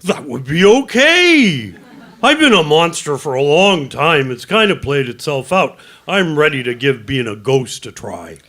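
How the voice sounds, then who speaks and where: A man's voice: mid-range voice, animated, normal speed, few pauses, fairly bright tone, close to an everyday voice. A man voicing a laid-back, scaly old male monster that breathes fire, with an offhand, easygoing way of talking, in an audio drama.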